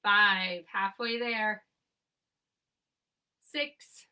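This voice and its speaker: A woman's voice: mid-range voice, steady tone, very slow, sharp tone, clear, resonant tone, far from the mic. A young woman leading a seated exercise class, counting repetitions and giving short coaching cues. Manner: counting reps aloud, upbeat coaching cues. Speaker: exercise instructor. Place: home, remote class. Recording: voice from away from the mic.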